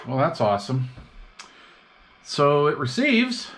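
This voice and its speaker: A slightly high, sing-song, fairly bright voice takes things slowly as a hobbyist vlogger works through a radio repair demo. At his indoor workbench he mutters casually in slang, thinking out loud, with the recording clearly noisy and full of clicks.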